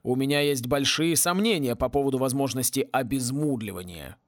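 A man reading an audiobook and voicing a calm, measured male wizard who quiets the room. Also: medium pitch, no room sound, studio quality, natural voice. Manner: slow, measured.

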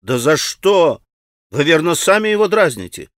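A man's voice: fairly high pitch, very animated, moderate pace, a bit bright, dry recording, clean studio sound. A man voicing an earnest young man. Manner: urgent, reasoning.

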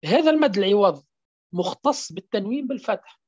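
A woman's voice: medium pitch, expressive, fast talker, a little mellow, breathy edge, no echo. A woman teaching a tajweed lesson, asking questions and answering them herself while repeating the key terms and checking that her students follow. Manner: checks understanding with frequent rhetorical prompts. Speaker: Quran recitation teacher. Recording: dull lo-fi dry recording.

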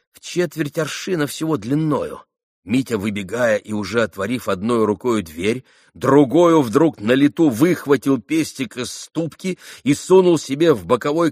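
Expressive male audiobook narrator. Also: medium pitch, slightly rough, no room sound, studio quality. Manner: expressive, dramatic reading. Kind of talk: scripted narration.

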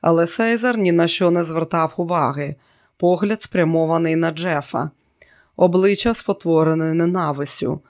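An audiobook narrator reading a thriller in a steady, even storytelling manner. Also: medium pitch, moderate pace.

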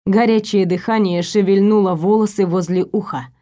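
A woman narrating a first-person audiobook with lively storytelling, voicing the heroine herself. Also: medium pitch, normal speed.

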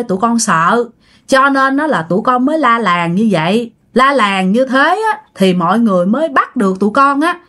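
A woman's voice: fairly high pitch, a bit bright. A woman voicing poor, frightened male thieves pleading for mercy, in a Southern Vietnamese accent. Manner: pleading, hurried.

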